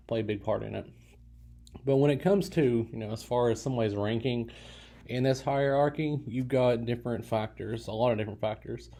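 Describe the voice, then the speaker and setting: A man lecturing with a gravelly, low voice and a dark, mellow tone. He talks casually and rambles a bit, circling back with fillers and restarts. Now and then he stifles a yawn. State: yawning. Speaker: college lecturer. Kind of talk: recorded lecture.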